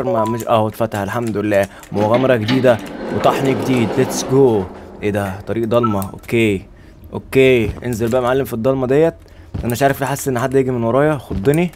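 Rapid-fire Egyptian gamer man. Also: medium pitch, a little mellow, slight background noise. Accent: Egyptian Arabic. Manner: joking, chatty, addresses viewers constantly. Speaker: gaming YouTuber. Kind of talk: let's play commentary. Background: game music.

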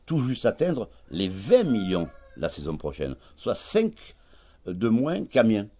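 A man hosting a local radio talk show. His voice is low and mellow, and he questions his guest in a lively, emphatic way. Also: slow pace, a little hiss or hum. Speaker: radio host. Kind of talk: casual radio chat.

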